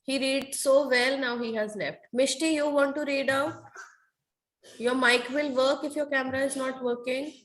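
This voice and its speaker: A woman's voice: high voice, fairly even intonation, normal speed, fairly bright tone, poor audio. A woman with an Indian accent teaching an online children's class, asking checking questions and repeating key points. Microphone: online video call.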